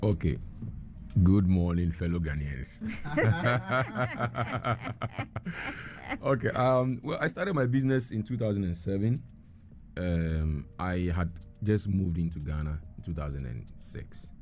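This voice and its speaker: A middle-aged man raised in Nigeria appears as a guest entrepreneur in a radio interview. His deep, slow, darkish voice tells his story earnestly, full of ums and restarts.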